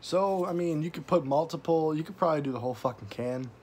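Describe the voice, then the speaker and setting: With a tobacco pouch in his lip, this man fires off a sweary, folksy, slang-filled product review to camera in a casual way. He talks fast in a voice that sits on the high side with a darkish tone, against slight background noise.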